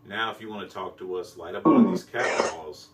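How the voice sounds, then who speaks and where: Low-voiced American man instructing spirits. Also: brisk. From Colorado, United States. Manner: plainly explaining, instructive. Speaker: paranormal investigator vlogger. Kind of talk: casual ghost-hunt vlog, addressing spirits. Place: indoors in an old mansion. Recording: tinkling music-box tune behind. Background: music box playing.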